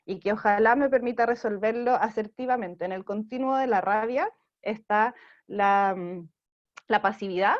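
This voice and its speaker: Chilean woman giving parenting advice, muffled audio. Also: on the high side. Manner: explanatory, frequent fillers and checking "¿sí?". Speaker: parenting program director. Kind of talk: advice talk in an interview.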